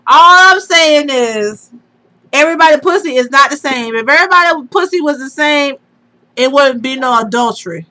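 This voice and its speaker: A tipsy woman co-hosting a raunchy podcast, talking loud and brash with plenty of swearing. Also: sits high, expressive, normal speed, slight background noise, low-quality recording. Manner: loud, brash, laughing, drunk and giddy. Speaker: podcast co-host. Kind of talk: raunchy casual chat.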